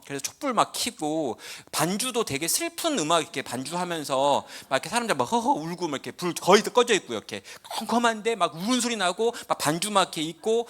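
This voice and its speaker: A man in his forties, a guest pastor preaching at a church prayer meeting, telling a personal story with humor and acting out his old prayers. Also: sits high. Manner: animated, humorous, acts out his own past prayers.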